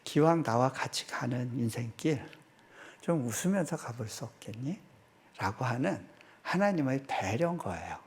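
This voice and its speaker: A man's voice: mid-range voice, animated, moderate pace. A middle-aged man, a missionary, preaching a sermon in a church and telling his own story, acting out his prayers and laughing now and then. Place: church sanctuary.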